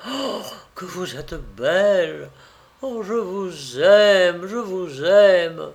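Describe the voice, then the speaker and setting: A man's voice: a little high, lively intonation, slow, a bit bright, heavily acted. A man reading an audiobook, voicing an obsessive young suitor who turns threatening. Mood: impassioned. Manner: impassioned and menacing.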